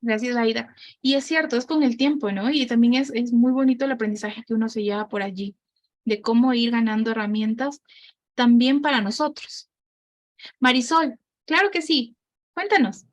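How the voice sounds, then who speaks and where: A woman with a high, light voice guides an online parenting circle, inviting each participant in turn. Her voice is close and dry. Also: moderate pace, no room sound. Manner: encouraging, invites others to speak. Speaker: group facilitator. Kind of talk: online group discussion.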